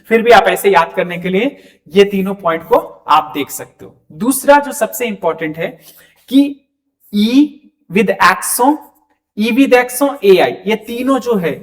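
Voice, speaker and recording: Male teacher, high voice, deliberate pace; quizzes the class as he explains; mic set back from him. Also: far from the mic. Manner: explains slowly, asks students questions. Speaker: French teacher. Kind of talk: classroom lesson.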